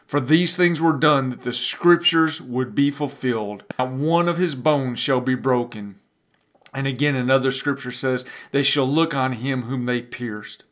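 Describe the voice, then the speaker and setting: This man, preaching as a pastor, has a medium-pitched and fairly bright voice. Dramatic pauses heighten his emphasis, and he occasionally says words twice to drive a point home.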